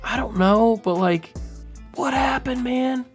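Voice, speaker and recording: A man's voice: very high voice, slow, soft background music. Rambling man in his thirties streaming. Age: 30s. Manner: rambling, animated, filler-heavy. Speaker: livestreamer. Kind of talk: casual livestream commentary. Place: home room. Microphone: studio mic on boom arm.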